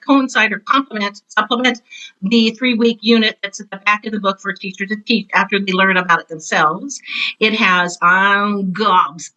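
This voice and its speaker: Heard through a low-quality recording, this American teacher and author in middle age has a bright, forceful, mid-range voice. As a podcast guest in a casual interview, she shares personal stories with enthusiasm and pokes fun at herself along the way, much like a teacher would.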